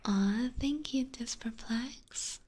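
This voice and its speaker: A woman with a voice on the high side whispers slowly and breathily, mostly unvoiced, close to a binaural microphone during an ASMR livestream. She chats informally and addresses her viewers directly, with background noise audible.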